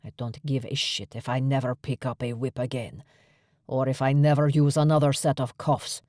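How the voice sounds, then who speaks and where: A woman's voice: extremely low pitch, little pitch movement, normal speed, a little mellow, no room sound, clean studio sound. A woman voicing a possessive, protective male vampire who speaks firmly and with heat, in an audiobook.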